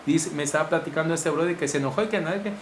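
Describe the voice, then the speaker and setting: A man with a Mexican Spanish accent teaching a Bible lesson to men, animated and acting out the voices of wives and husbands. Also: on the high side, rapid-fire. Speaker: church teacher. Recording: echoey room with faint noise.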